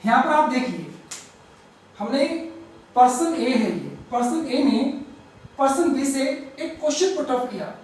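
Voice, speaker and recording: High-voiced woman teaching grammar, echoey. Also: lively intonation, darkish tone, slight background noise. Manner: explains slowly, repeats words, stresses example sentences. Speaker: English teacher. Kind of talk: grammar lesson. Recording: echoey room, far from the mic.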